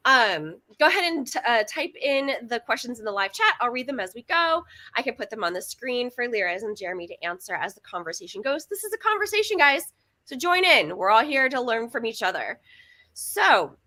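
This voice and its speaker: A woman's voice: sits high, bright, forceful tone. A woman hosting a live webinar, chatty and upbeat, laughing often as she introduces guests and reads questions. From Texas. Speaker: webinar host.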